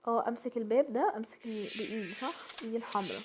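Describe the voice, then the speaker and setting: A woman with an Egyptian accent giving let's-play commentary on a horror game. She shrieks, repeats words in rapid bursts and is out of breath. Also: fairly high pitch, noisy background. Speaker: gaming channel host.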